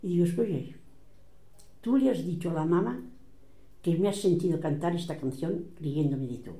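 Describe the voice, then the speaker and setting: Recounting her family's history, an older Catalan-accented woman speaks at normal speed in a lowish, warm voice within an echoey room. She tells the stories aloud and mimics the voices of the people she quotes.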